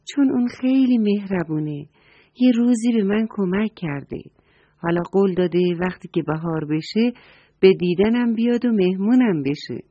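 Lady doing a sweet patient swallow, kinda husky, dry sound. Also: medium pitch, no echo, natural voice. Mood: gentle. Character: small kind patient female swallow. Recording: dull dry recording, soft music.

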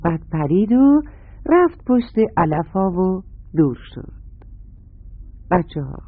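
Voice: mid-range voice, sing-song, breathy edge. A storyteller narrating a children's story and fondly addressing the young listeners. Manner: gentle, fond address to children. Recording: tinny phone-like radio sound, dry.

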